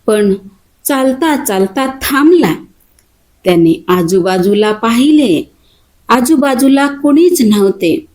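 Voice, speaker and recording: A woman narrating a story in a deliberate, dramatic storytelling manner. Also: a little high, expressive, darkish tone.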